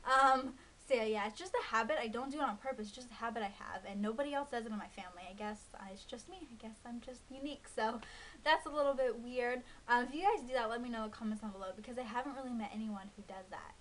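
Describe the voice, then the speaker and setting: A beauty vlogger in her early twenties chats casually to camera, rambling quickly with lots of ums and likes. Her voice is a little high and a bit bright, and the poor audio carries a faint hiss.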